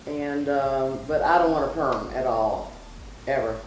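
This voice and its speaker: Her pitch is extremely low and a little mellow, her pace measured. A middle-aged woman, she's a guest on her daughter's vlog, emphatically and casually giving advice and personal stories with repeated phrases for emphasis; the distant mic catches heavy room echo and faint noise.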